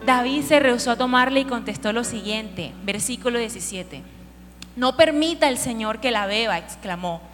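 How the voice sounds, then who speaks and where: A woman preaching a sermon, telling a story with lively asides and questions to the audience. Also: fairly high pitch, normal speed. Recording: hall reverb with faint music.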